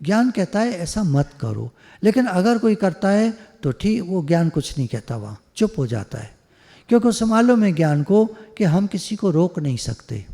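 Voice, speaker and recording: एक पुरुष आध्यात्मिक वक्ता सत्संग में बातचीत के अंदाज़ में प्रवचन देता है, हल्के मज़ाक के साथ और बीच बीच में अंग्रेज़ी शब्द मिलाकर।. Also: male voice, high-pitched, big pitch swings, moderate pace, warm tone. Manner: conversational, joking, mixes English words. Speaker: spiritual speaker. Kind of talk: devotional satsang discourse. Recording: long hall reverb.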